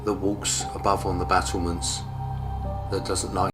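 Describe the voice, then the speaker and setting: Male ghost hunter on location: deep, even delivery, calm and factual. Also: a little slow, over music. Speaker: paranormal investigator. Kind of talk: on-location explanation. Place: old fort at night.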